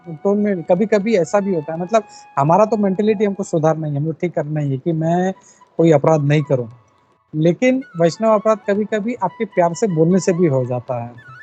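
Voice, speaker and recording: Man, scripture class leader, earnest, fairly high mellow voice, dull lo-fi sound, faint music behind. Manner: earnest, explanatory, repeats key points. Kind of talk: devotional scripture class, Hindi mixed with English.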